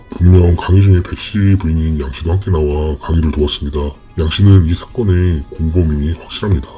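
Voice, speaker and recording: Anonymous voice disguised by deep pitch shift. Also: mellow. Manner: measured, formal, with frequent hesitant fillers. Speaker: anonymous fraud victim interviewee. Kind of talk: reading a prepared account in an interview.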